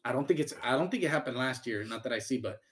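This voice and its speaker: A man's voice: medium pitch, lively intonation, quick pace. A man in casual group banter, talking like a frat bro with lots of slang and swearing. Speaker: fantasy league member. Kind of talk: casual group chat about a fantasy league.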